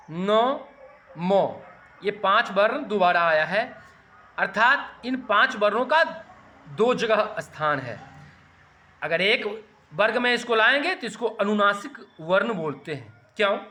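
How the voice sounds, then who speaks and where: Man, high voice, bright tone, teacher sounding out letters. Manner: slow, deliberate, sounding out letters for students to repeat. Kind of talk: Hindi grammar lesson.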